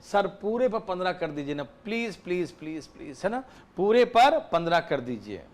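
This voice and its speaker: A man's voice: high-pitched, sing-song, brisk. A man voicing a pleading male shop employee who keeps saying "please" as he asks his boss for a bigger commission. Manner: wheedling, repeats "please" again and again.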